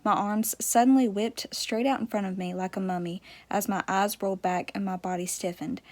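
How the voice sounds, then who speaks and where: A woman narrating a first-person memoir as an audiobook, in a steady, measured reading. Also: mid-range voice.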